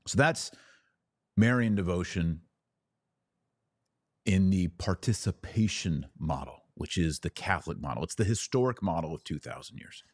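With a deep, husky voice and lively intonation, a middle-aged man hosts a podcast offering an informal theological explainer. He speaks emphatically and didactically, pausing on key phrases, in a dry recording.

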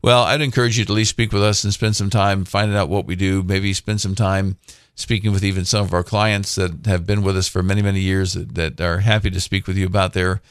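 Male radio money-show host, lowish pitch, dry studio sound, conversational and loosely rambling. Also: level tone, fairly quick, clear, resonant tone, dry recording. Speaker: radio host and financial advisor. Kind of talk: casual radio talk.

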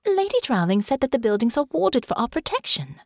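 A woman's voice: a little high, big pitch swings, fairly quick, dry recording, clean studio sound, pitched above the performer's own voice. A woman voicing a polite, proper young noblewoman who speaks in a courteous way. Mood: earnest.

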